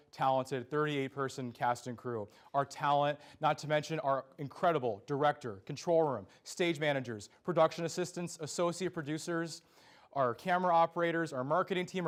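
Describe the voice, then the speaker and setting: A young man hosting a student sports news show, speaking in an earnest, scripted anchor delivery. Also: mid-range voice. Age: young adult.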